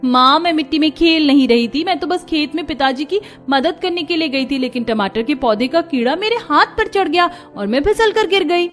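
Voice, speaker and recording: A woman voicing a spirited young village woman in a cartoon, lively and quick to protest. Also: high voice, soft background music, voice pushed up. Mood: eager.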